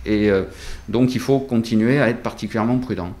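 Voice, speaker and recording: A man speaking through a face mask as a doctor in an interview, explaining things deliberately with hesitant pauses. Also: mid-range voice, a little mellow. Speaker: doctor at a local practice being interviewed.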